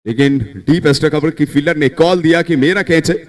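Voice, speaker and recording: A man giving excited live cricket commentary, his voice leaping up on the big shots. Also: fairly high pitch, fast.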